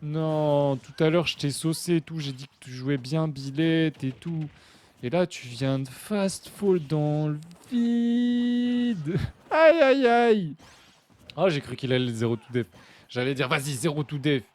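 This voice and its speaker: A young man from France casually commentating a live fighting-game match, chatty and joking with his chat, with sudden bursts of excitement. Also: fairly high pitch, a little slow, a little hiss or hum. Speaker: esports commentator and stream host.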